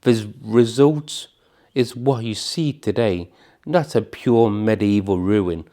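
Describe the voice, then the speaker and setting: A man narrates a scripted heritage documentary at a very unhurried pace. His voice sits fairly low, and he uses solemn, measured phrasing with dramatic pauses. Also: warm tone.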